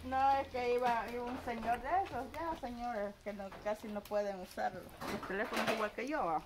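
A woman's voice: fairly high pitch, moderate pace, background noise. A middle-aged woman, chatting and telling stories with laughter while cooking outdoors with family. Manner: animated storyteller, laughs a lot. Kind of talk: casual family chat. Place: outdoor backyard cooking area. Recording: lively family chatter in the background.

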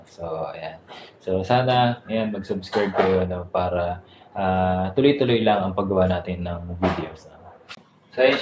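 Hosting a casual vlog as a motovlogger, a man with a Filipino accent runs through a product conversationally, sprinkling in small tag words. His voice is fairly low and darkish, with roomy echo and clear background noise in the recording.

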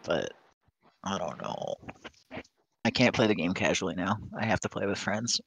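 A man's voice: sits low, animated, normal speed, creaky. A young man chatting casually on a podcast, complaining in a laid-back way about online games. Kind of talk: casual chat among friends.

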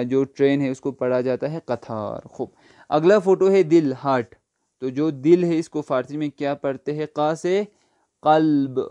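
A man's voice: mid-range voice, mellow, smooth, no room sound, lo-fi sound. A man teaching an online language lesson, patiently asking what each word is, answering it himself and spelling it out letter by letter. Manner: patient, asks a question then answers it, spells words letter by letter.

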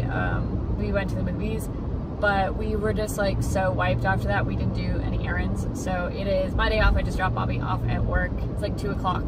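A vlogger in her thirties rambles casually to her phone camera, held at arm's length, while parked in her car, using lots of fillers. Her voice is mid-range, and the recording is very noisy.

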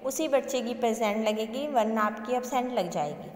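A woman's voice: on the high side, moderate pace, darkish tone, reverberant, big-room sound. A woman kindergarten teacher giving a phonics lesson to young children, repeating letter sounds and words in a patient drill. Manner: drills letter sounds with repetition, addresses kids as beta.

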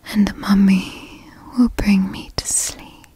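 A woman's voice: mid-range voice, flat delivery, slow, dark tone, lightly acted. A woman playing a tender, motherly girlfriend in a whispered role-play, speaking in an intimate, soothing whisper for sleep ASMR.

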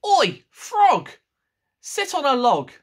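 A man acts out a bossy cat while reading a children's picture book aloud, in a heavily acted performance. The cat sounds bossy, impatient, stubborn and sure of its rules, emphatic and insistent, drawn out slowly with a lively, swooping pitch.

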